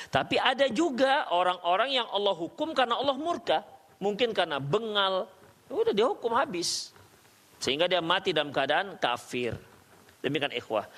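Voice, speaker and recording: A man's voice: a little high, fairly bright tone. A man giving a religious study lecture as a preacher. He recites Arabic verses and keeps the talk conversational by quizzing his listeners. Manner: conversational, quizzes the audience with questions. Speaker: Islamic preacher teaching a study circle.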